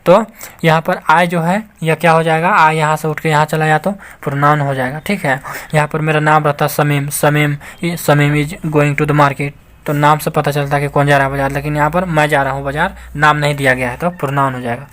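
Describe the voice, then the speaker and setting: A man's voice: on the high side, flat delivery, fast, a bit bright. A man teaching an English grammar lesson, explaining patiently and repeating each point with frequent checks that the listeners follow. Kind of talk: classroom-style grammar lesson.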